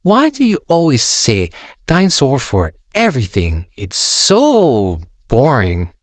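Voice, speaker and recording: A man voicing a bossy, excitable little girl piglet in a storybook read-aloud, with an eager, pleading manner. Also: mid-range voice, slow pace, no room sound. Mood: sighing.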